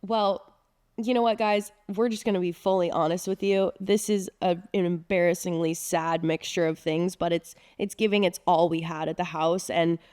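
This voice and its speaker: A woman's voice: on the low side, fairly even intonation, normal speed, darkish tone, smooth. Wry young woman podcast co-host. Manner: wry, joking reactions. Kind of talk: casual chat.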